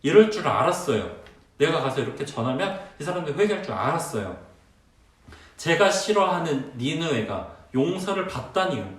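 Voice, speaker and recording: A man voicing a sulking, complaining male prophet for children, pitching his voice up to sound whiny and indignant. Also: very animated, normal speed. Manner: whiny and indignant, high and loud. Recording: roomy and distant.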